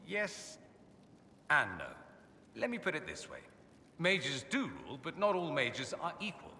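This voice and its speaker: Heavily acted at a measured pace, this video game performance has a man portraying a witty, self-assured foreign aristocrat mage in a wry, explanatory mood. His voice is very bright and crisp-edged, suave and sardonic, with lively, swooping pitch. An echoey hall and faint ambient noise surround him.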